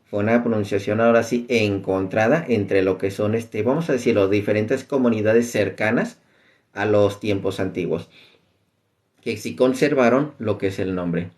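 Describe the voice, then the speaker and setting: A man teaching an informal class on the Bible, talking loosely and often pausing on "este". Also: fairly low pitch, a little mellow. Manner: conversational, many fillers like "este".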